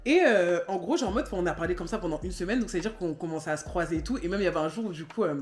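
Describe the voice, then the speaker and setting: A woman in her twenties telling a personal story in a chatty vlog, talking loosely with lots of fillers and animated bursts. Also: lowish voice, racing, reverberant, faint music behind. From Cameroon. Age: 20s. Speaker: vlogger. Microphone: phone camera.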